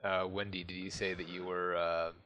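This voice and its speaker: A man playing a tabletop role-playing game, talking loosely with lots of fillers and now and then shouting a line in character. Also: sits low, level tone, moderate pace, lo-fi sound. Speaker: player. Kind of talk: tabletop game play, casual.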